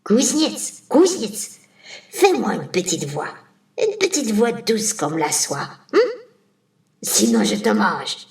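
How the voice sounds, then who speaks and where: A woman's voice: mid-range voice, wildly swooping pitch, slow pace, a little mellow, pitched above the performer's own voice, exaggerated voice. A storyteller voicing Baba Yaga, a greedy old witch ogress who sing-songs sweet calls and barks orders, heard from a distance in a roomy space. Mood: threatening. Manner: wheedling sing-song calls, then barking orders.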